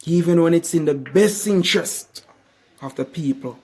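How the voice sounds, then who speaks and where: A man giving a motivational speech, with emphatic, repetitive rhetorical questions and slow, drawn-out stresses on key phrases. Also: on the high side, darkish tone, husky. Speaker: motivational speaker.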